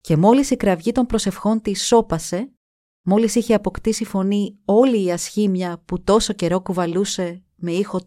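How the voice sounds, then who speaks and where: A woman narrating a scripted story in a measured, expressive reading voice. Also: on the low side, no room sound, studio quality.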